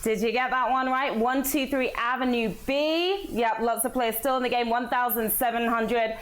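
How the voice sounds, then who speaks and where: A woman hosting a live trivia game show, energetic and playful, with a sing-song delivery. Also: fairly high pitch, moderate pace. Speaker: quiz show host. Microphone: played through a phone app. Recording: background music from the app.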